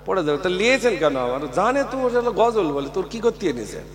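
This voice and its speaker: A man's voice: high voice, very animated, a little fast, crowd noise. Impassioned male preacher, long reverb. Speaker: preacher at a religious gathering. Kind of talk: fiery sermon with chanted passages. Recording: long reverb with faint mains hum.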